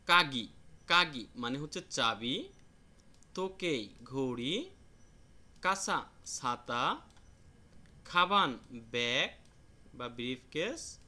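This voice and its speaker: A man teaching a language class in a plain, patient way, repeating each word slowly and restarting himself now and then. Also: medium pitch, very animated, sharp tone. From Bangladesh. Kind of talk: classroom lesson explaining vocabulary.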